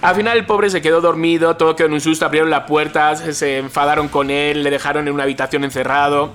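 Chatty man, mid-high voice, spins an anecdote with animated asides. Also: quick pace, faint music behind. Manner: animated, constantly adds "¿sabes?". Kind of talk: casual storytelling chat.

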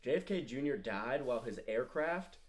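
A man's voice: medium pitch, expressive, normal speed. A young man co-hosting a podcast in casual chat, joking and tossing in trivia. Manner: joking, laughs often, tosses in trivia. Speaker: podcast co-host.

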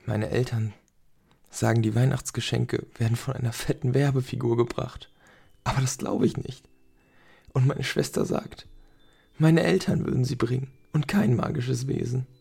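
A man voicing an excitable, stubborn little boy who exclaims eagerly. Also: mid-range voice, normal speed, gravelly, breathy edge, exaggerated voice.

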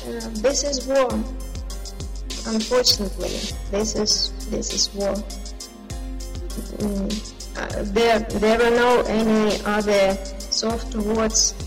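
Slow, halting woman with a Ukrainian accent. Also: on the high side, fairly even intonation, big-room sound, faint music behind. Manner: hesitant, searching for words. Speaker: band member interviewed as guest. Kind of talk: halting interview answers in a second language.

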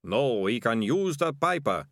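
A man voicing a sardonic male rat catcher who speaks slowly and dryly. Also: medium pitch, big pitch swings, no room sound, studio quality.

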